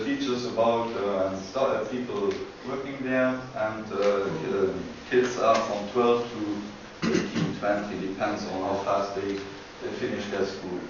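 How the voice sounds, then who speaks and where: A man with a fairly low voice gives a halting pitch, stopping often on filler sounds. He is heard from a distance in a very echoey hall. The sound is dull and noisy. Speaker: school project presenter. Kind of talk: short conference pitch.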